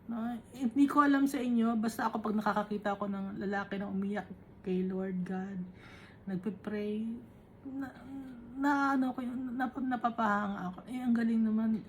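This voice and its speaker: A woman's voice: fairly high pitch, a little hiss or hum. Woman teaching from the Bible. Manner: Taglish, reads scripture slowly then explains conversationally with tag questions. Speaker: preacher. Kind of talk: Bible teaching, reading verses and explaining.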